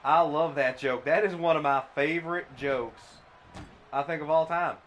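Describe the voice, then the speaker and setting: A man doing comedic mock wrestling commentary, deadpan and absurd, often stammering into restarts. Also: a little high, normal speed. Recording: noisy background.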